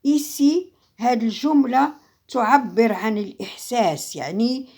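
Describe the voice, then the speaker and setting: A woman teaching a grammar lesson, repeating each example slowly and explaining it again in Arabic. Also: on the high side, darkish tone. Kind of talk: slow classroom grammar lesson.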